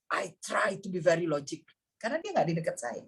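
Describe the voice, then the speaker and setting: A woman's voice: lowish voice, big pitch swings, fairly quick, gravelly, fairly bright tone, husky. A woman who works in neuroscience, giving a talk to a group of parents and telling dramatic stories while addressing her listeners directly. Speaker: neuroscience practitioner speaking to parents.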